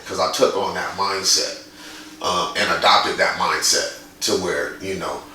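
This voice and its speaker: A man's voice: fairly low pitch, pushed and bright, very echoey, recorded from a distance, slight background noise, poor audio. Blunt, profane man in his forties. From Indiana, USA. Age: 40s. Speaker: guest, graffiti artist. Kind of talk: casual interview.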